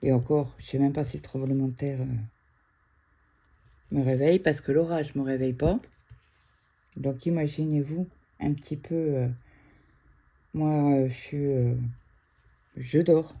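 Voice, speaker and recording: Chatty woman with a dark, husky voice. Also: deep voice. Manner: chatty, excitable, quick to shout. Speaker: craft vlogger. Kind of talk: casual chat to viewers. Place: indoors at home.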